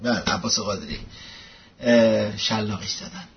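A man's voice: fairly low pitch, muffled recording. A man hosting a political commentary show, mocking and scornful as he tells stories and introduces clips.

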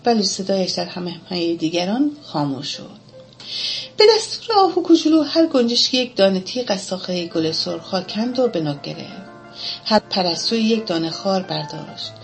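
A woman's voice: medium pitch, creaky. Woman reading a children's story. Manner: expressive storytelling. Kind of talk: scripted narration of a children's story. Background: faint music.

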